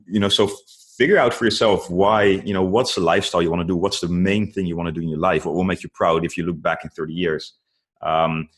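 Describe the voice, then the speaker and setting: Man, low voice, conversational, earnest coaching tone, frequent "like" and "you know" fillers. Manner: says "like" and "you know" a lot; earnest, advice-giving. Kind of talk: casual conversational interview.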